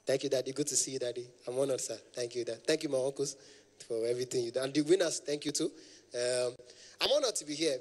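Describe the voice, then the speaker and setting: A man's voice: mid-range voice, fast, in a large hall. A young adult man with a Nigerian accent, doing stand-up comedy as an event MC, playful and formal with the audience.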